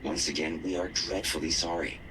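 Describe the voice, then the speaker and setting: Very deep-voiced, courteous robot butler for a game, always apologizing in stiff formal phrasing, played by a man. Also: fairly even intonation, fairly quick, noisy background, close to an everyday voice. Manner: overly formal, apologetic servant speech. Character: polite, apologetic male robot butler at a resort. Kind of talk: video game character dialogue. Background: loud game music.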